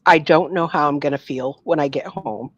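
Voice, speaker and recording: A woman's voice: low voice, moderate pace, slightly rough, no room sound, lo-fi sound. A woman co-hosting a casual talk show, speaking frankly and bluntly in informal language. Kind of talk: casual chat.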